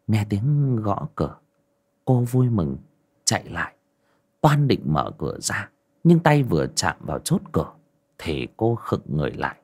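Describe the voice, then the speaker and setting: A man narrating a spooky folk tale in a dramatic way that turns hushed at tense moments. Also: fairly low pitch, breathy edge. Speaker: storyteller.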